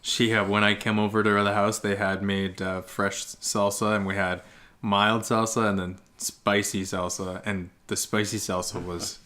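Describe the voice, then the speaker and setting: A man's voice: fairly low pitch, little pitch movement, moderate pace, pushed and bright. A man from Canada hosting a podcast, asking casual questions, laughing often and tossing in short encouraging replies. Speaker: podcast host. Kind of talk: casual interview.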